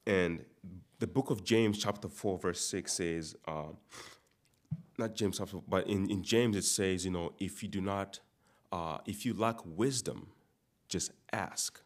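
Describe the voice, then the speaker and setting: A man from Uganda delivers a sermon in a very deep, low voice. He often repeats words and restarts phrases to press his points home. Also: a little slow. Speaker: preacher.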